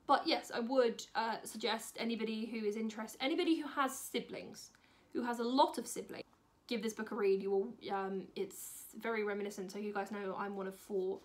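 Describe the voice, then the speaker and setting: A woman's voice: a little high, fairly even intonation, a little fast. Chatty woman in her twenties. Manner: chatty, dry sarcastic humour, rambling asides. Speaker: book vlogger. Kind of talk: casual to-camera vlog chat.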